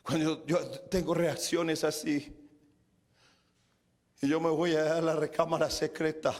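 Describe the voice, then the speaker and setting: A male pastor preaching a sermon, swinging between shouted exhortation and low, quiet pleading with the congregation. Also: little pitch movement, unhurried.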